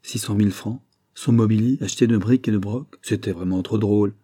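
A man narrating a classic novel in an audiobook with a measured, even delivery. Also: lowish voice, breathy edge. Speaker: audiobook reader.

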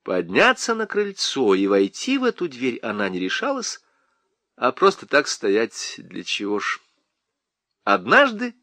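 A man reading a comic novel aloud as an audiobook narrator, with ironic, expressive storytelling. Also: medium pitch, dry recording. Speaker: audiobook reader.

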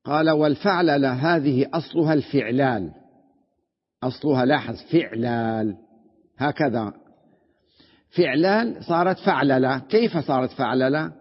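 A man's voice: medium pitch, moderate pace, long pauses, breathy edge. A sheikh teaching Arabic grammar in a classroom lecture, explaining step by step, repeating terms and checking whether his students follow. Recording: dull recording with long hall reverb.

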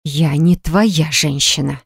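A narrator performs a stubborn, indignant young mother in an audiobook, lightly acted and fast, her lines sharp and defiant and turning shrill when she's upset. The sound is clean studio audio with no echo.

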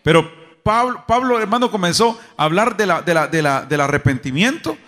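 A man's voice: high-pitched, lively intonation, brisk, fairly bright tone. A man preaching a sermon at a church service, asking questions and calling the congregation to repeat after him. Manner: rhetorical questions and call-and-response with the congregation. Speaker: pastor. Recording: long reverb, faint music behind.

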